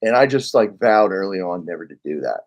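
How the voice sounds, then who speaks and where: A man's voice: low-pitched, animated, a little fast, muffled recording. Rambling man with many restarts. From Oklahoma, United States. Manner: rambling, self-correcting, heavy on filler "like". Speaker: guest writer. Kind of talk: casual conversation.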